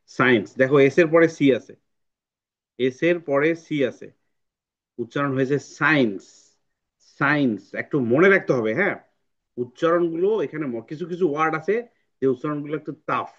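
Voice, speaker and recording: Man teaching phonics online. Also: mid-range voice. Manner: patient, repeats words slowly for drilling. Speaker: English teacher. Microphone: video call. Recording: lo-fi online class audio.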